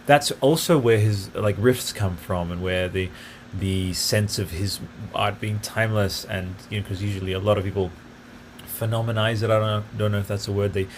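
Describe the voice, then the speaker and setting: A man's voice: fairly low pitch, steady tone, moderate pace, a little hiss or hum. A man hosting his own podcast, talking casually and enthusiastically, full of fillers and tangents. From grew up partly in Italy. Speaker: podcast host. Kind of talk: casual solo podcast talk.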